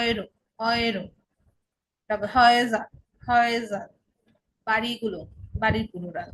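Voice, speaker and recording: A woman's voice: a little high, rough recording. Bengali-speaking woman teaching German sounds. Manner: repeats sounds slowly, asks and answers her own questions. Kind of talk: explanatory lesson.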